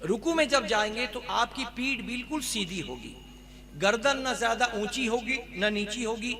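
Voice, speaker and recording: A man's voice: very high voice, long reverb tail. A man teaching a religious practice step by step, patient and explanatory, asking rhetorical questions. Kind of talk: instructional explanation.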